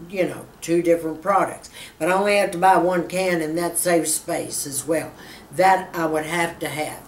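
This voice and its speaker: Answering viewer questions about skincare in a relaxed on-camera Q&A, this woman in her fifties speaks with a Texas accent and addresses her audience as girlfriend. Her pitch is fairly low, and she was recorded from a distance, off-mic, in an echoey room carrying a faint hum.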